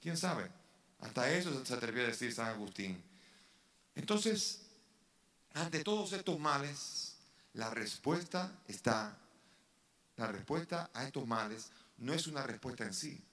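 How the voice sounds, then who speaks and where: A man's voice: medium pitch, expressive, a little slow, pauses often, a bit bright. A man, a bishop, preaching a retreat talk in a parish church, earnest, with rhetorical questions and rising emphasis. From Dominican Republic. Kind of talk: sermon. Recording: echoey church hall.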